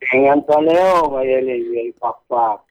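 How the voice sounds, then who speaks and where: A man's voice: medium pitch, measured pace. A man calling in to a radio show, his voice breaking up and distorted over the phone line, giving short polite replies and greetings. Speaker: radio call-in listener.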